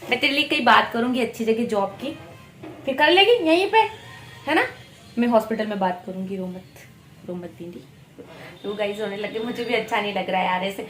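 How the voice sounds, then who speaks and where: Lively young woman vlogger, echoey room. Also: on the high side, a little fast, faint music behind. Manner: animated, coaxing and teasing with laughs. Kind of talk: casual vlog chat. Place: workplace room among staff. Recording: echoey room, faint ambient noise.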